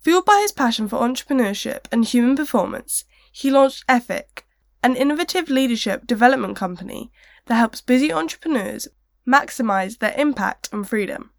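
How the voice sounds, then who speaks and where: Higher-voiced woman reading a scripted introduction. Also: expressive, brisk, dry recording, studio quality. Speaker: co-presenter introducing the guest.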